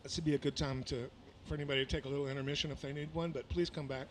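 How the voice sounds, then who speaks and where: Here an older Southern musician, Mississippi-born and Louisiana-raised, races through casual between-song chatter on a livestream at a small venue. His mid-range tone stays steady as he rambles, restarting and filling gaps, into a stand mic. There's a little hiss or hum in the background.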